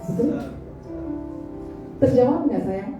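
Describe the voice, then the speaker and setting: With a slightly high, expressive voice and a slow delivery, a middle-aged woman pastor gives a teasing, talkative sermon. She's recorded from a distance in a big church hall, so the audio is echoey and dull, with music in the background.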